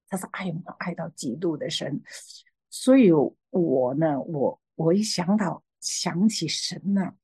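A woman gives a personal faith testimony in a husky, slightly breathy voice. She hesitates and restarts often, then warms into lively storytelling. The sound is dry and close, with little room. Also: on the low side, dry recording. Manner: hesitant, many restarts and fillers, lively when telling a story. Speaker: church member sharing a testimony.

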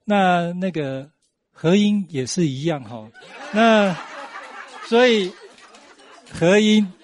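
A man hosting a church gathering, relaxed and chuckling as he introduces speakers. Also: sits high, takes it slowly. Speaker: meeting host. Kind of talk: casual moderating.

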